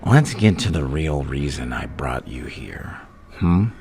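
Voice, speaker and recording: An extremely deep, crackling voice for an unhinged clown villain, drawling very slowly in a taunting half-whisper. He speaks straight to the listener in a theatrical ASMR roleplay, gleefully mad and menacing. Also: expressive, heavily acted. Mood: calmly menacing. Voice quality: gravelly, breathy half-whisper. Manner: slow, taunting, theatrical, swinging between murmurs and louder bursts. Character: menacing, gleefully insane adult male supervillain clown.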